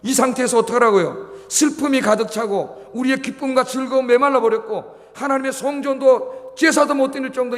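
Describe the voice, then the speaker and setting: High-voiced Korean pastor preaching in a church hall. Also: male voice, creaky. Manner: exhorting, rhetorical questions, frequent "예?" prompts. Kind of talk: sermon. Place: church sanctuary. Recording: long hall reverb.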